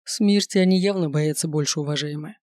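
A reader voicing a sardonic male demon who mutters and growls with mocking calm. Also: mid-range voice, a little fast, no echo, studio quality, close to an everyday voice.

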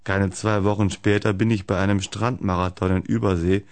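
A man reading the lines of a talkative, sturdy female X-ray nurse in a deep voice. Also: little pitch movement, fairly quick, no echo. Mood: chatty. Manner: talkative, tops every story.

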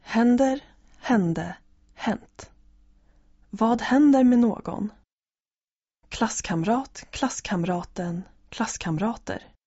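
A woman's voice: on the high side, warm tone, husky, dry recording. A woman reading vocabulary word forms aloud one by one, enunciating each carefully like a language teacher. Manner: deliberate, carefully enunciated drilling. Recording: dull, lo-fi, dry recording.

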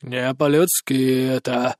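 A man voicing a slow, gruff male president who gives orders in a low, deliberate drawl. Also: little pitch movement, darkish tone, dry recording, clean studio sound, natural voice. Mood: commanding.

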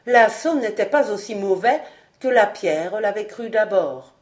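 A woman reads a classic novel aloud for an audiobook. Her narration is measured and expressive, and her voice sits at a middle pitch. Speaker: audiobook reader. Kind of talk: scripted narration.

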